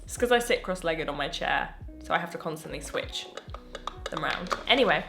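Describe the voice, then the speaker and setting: A young English woman gives a casual, chatty makeup review from home as a beauty vlogger, gushing and interrupting herself. Her voice is medium-pitched and fairly bright, though a little strained and slightly going.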